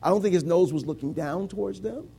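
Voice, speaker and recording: High gravelly emphatic preacher man. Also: fast talker. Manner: emphatic, repetitive preaching that rises to shouts. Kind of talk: sermon.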